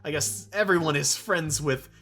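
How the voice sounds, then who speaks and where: A woman's voice: sits low, moderate pace, a bit bright, faint music behind. A woman giving casual, playful commentary on her gameplay, giggling often as she chats. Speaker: gaming YouTuber.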